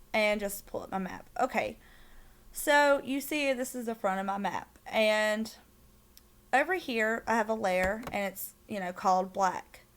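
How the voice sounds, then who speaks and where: A young woman with a strong Southern US accent walks through a software tutorial at her computer. She chats casually, fills pauses with "um", and drops in small apologies as she goes. Her voice sits at an ordinary middle pitch for a woman. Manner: chatty, filler-heavy, apologetic asides. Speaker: tutorial maker. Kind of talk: casual screen-recorded tutorial.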